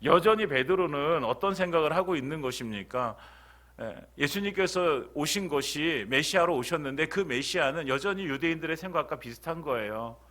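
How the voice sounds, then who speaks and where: A man preaching at a church service, his voice bright and forward. He keeps asking the congregation questions and then answers them, repeating key phrases for emphasis. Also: a little high, lively intonation, a little fast. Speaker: pastor. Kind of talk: sermon.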